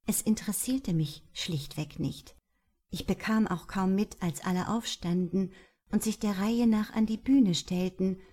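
Slow, mellow woman reading an audiobook. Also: mid-range voice, husky. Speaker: audiobook narrator. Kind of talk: first-person audiobook narration.

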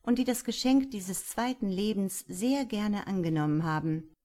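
A woman's voice: medium pitch, moderate pace, dark tone, natural voice. A woman voicing a thoughtful, earnest female police detective in a crime audiobook, speaking firmly and reproachfully.

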